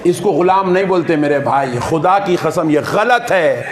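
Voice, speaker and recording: A man preaching a sermon, animated and playful, often mimicking family members for the crowd. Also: on the high side, measured pace, heavy background noise. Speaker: Islamic preacher.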